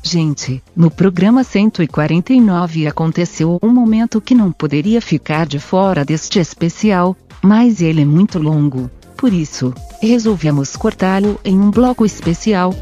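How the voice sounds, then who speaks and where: A performer voicing a calm, doting mother in a comedy sketch who soothes her family. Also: mid-range voice, normal speed, few pauses, dull audio, faint music behind, natural voice. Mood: soothing.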